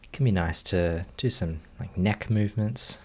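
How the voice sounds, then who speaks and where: Here a man with a low-pitched voice acts as a meditation guide. He talks gently and slowly in short phrases, pausing at length between them.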